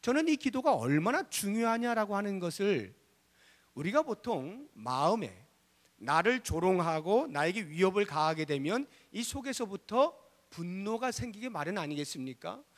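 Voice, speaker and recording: Pastor, male, high and lively delivery, dramatic swings to whispers, reverberant church hall. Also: moderate pace. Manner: dramatic, acts out quoted voices with big swings from loud to whispered. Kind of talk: sermon. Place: church sanctuary.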